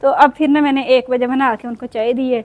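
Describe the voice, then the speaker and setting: High-voiced chatty woman vlogger. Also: fairly even intonation, fairly quick, a little mellow. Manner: chatty, rambling storytelling. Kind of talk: casual vlog chat to viewers.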